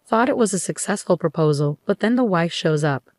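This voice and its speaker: A woman reads an eager young man livestreaming the drama around him, gossipy and thrilled. The voice is low and close. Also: animated, fairly quick, a little mellow, no echo, close to an everyday voice. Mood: excited. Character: excited male YouTuber streaming a scene.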